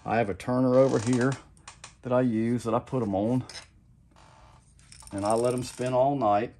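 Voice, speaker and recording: With slight background noise behind him, a middle-aged custom lure maker speaks at normal speed in a mid-range voice during a casual how-to demonstration at his home workbench. He rambles, often repeats himself with "like I said," and stays relaxed and plain-spoken.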